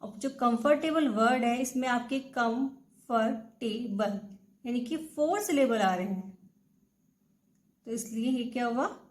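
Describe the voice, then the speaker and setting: A woman teaching grammar. She reads examples slowly, translates them, and answers her own rhetorical questions. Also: a little high, low-quality recording. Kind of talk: bilingual classroom explanation.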